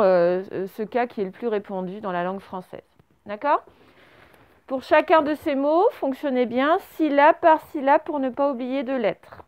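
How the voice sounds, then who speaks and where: High-voiced woman dictating slowly. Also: lo-fi sound. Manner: slow, drawn-out dictation, spelling syllable by syllable. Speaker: primary school teacher. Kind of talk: dictation lesson for children.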